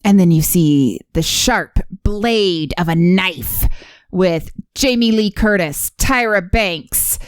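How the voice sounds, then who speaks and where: A woman's voice: fairly low pitch, expressive, takes it slowly, smooth, no room sound, studio quality. A woman co-hosting a casual podcast, teasing her co-host and laughing often.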